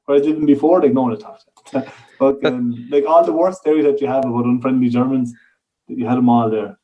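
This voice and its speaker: A man's voice: mid-range voice, fairly even intonation, brisk, muffled recording. A man with an Irish accent chatting casually as a guest, colloquial and sweary. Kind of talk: casual chat.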